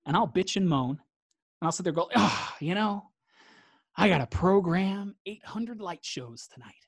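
A man's voice: sits high, animated, normal speed, vocal fry, no echo. A man, a guest in a reflective interview, talking earnestly and repeating phrases for emphasis.

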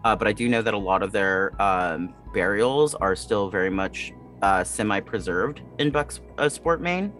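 A man with a lowish voice chats casually as a podcast co-host, talking in a rambling way full of fillers. Faint music sits behind him. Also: animated, moderate pace, hardly any pauses, a bit bright. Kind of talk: casual chat.

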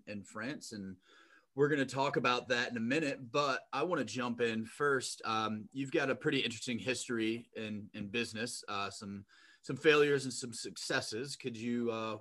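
A man's voice: mid-range voice, fairly bright tone. A man co-hosting a business podcast, talking loosely with many "you know" and "like" fillers while he chats and interviews. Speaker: podcast co-host. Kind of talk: casual chat, interviewing.

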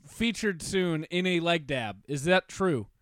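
A man's voice: a little high, expressive, unhurried, a bit bright, dry recording. A man co-hosting a podcast, teasing his friends in casual chat and laughing often. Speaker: podcast co-host.

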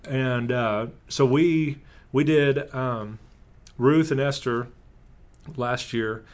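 Man, medium pitch, casual podcast conversation, pastor, joking and teasing manner. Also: extremely slow.

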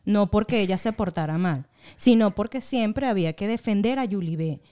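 A young woman with a Venezuelan accent, chatting on a podcast and spinning lively family anecdotes. Her voice is mellow and dark, with a smooth, clear tone. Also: medium pitch, moderate pace. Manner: animated storytelling, acting out family quotes. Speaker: podcast co-host. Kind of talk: casual chat.

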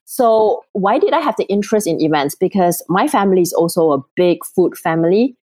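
Lady guest with a cold, lowish voice, chatty, laughs a lot. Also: expressive, brisk, darkish tone. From Singapore. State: has a cold. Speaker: guest, event planner. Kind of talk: casual interview chat.

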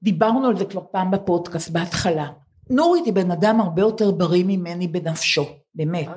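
A woman's voice: lowish voice, a little mellow. A woman in her seventies, a podcast co-host, chatting with wry, teasing humor before a live audience. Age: 70s.

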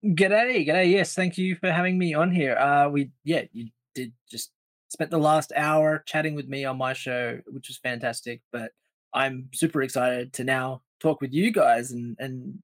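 A man's voice: medium pitch, normal speed, no echo. A man from Australia with an Australian accent, chatting upbeat as a podcast guest. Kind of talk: casual podcast chat.

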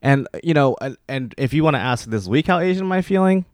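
Podcast guest, male, thirties, from Oklahoma. Rambling, full of fillers, middle pitch, dry close sound. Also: animated, fast, smooth, no room sound. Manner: rambling, with many fillers and restarts. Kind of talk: casual conversational interview.

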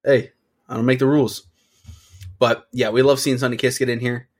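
A man's voice: medium pitch, level tone, normal speed. A man co-hosting a podcast, casually recapping results and reacting with offhand swearing. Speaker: wrestling podcast co-host.

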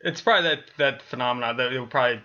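A man's voice: mid-range voice, very fast, pushed and bright, lo-fi sound, slight background noise. A man co-hosting a podcast, chatting casually, laughing often and swearing freely. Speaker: podcast co-host. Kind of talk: casual chat.

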